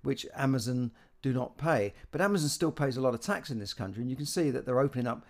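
A British man muses aloud about the economy in a loose, unscripted way. He trips over his words, restarting phrases and doubling up small words as he goes. His voice sits at an ordinary middle pitch for a man. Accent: British English. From Britain. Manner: halting, many restarts and repeated words. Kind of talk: casual spoken commentary on economic news.

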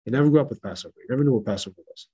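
Husky animated rabbi. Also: male voice, mid-range voice, racing, dull audio. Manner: animated, emphatic teacher with repetitions. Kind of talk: Passover class reading and storytelling. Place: synagogue in El Paso.

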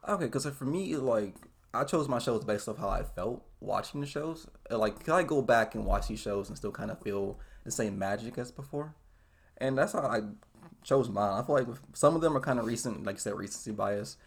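A man's voice: mid-range voice, animated, brisk, breathy edge. A young American man hosting a casual anime chat, thinking aloud in an earnest, hesitant way. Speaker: podcast host.

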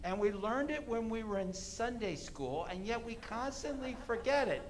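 A man's voice: high voice, animated, moderate pace, rough recording. A man preaching informally to a church congregation. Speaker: church speaker. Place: indoors, church service. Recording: faint background noise in church.

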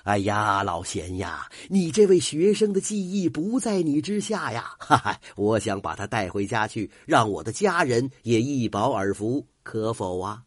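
A man voicing a pompous, lecherous male official who bosses people around in a booming voice. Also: sing-song, measured pace, few pauses, husky, no echo, clean studio sound. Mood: jovial, sly. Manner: booming, bossy.

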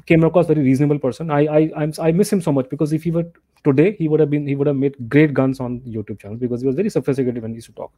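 Fast-talking North Indian man, mellow voice. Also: on the high side, dry recording. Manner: animated recollection, repeats himself and often says "you know". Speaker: interview guest, journalist and author. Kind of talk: casual interview, storytelling.

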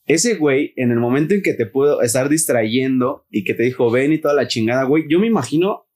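A young man with a Mexican Spanish accent in casual chat as co-host, teasing and cracking crude jokes with quick interjections. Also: medium pitch, expressive, darkish tone. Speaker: podcast co-host.

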